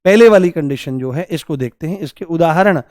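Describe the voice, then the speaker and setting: A young man leads a grammar lesson in a high, clear voice, firing rhetorical questions at his class and stretching each answer out in a sing-song way. The sound is dry and close. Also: expressive, darkish tone, no echo. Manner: repeats key answers in a drawn-out, sing-song way. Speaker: Hindi grammar teacher. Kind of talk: classroom lecture.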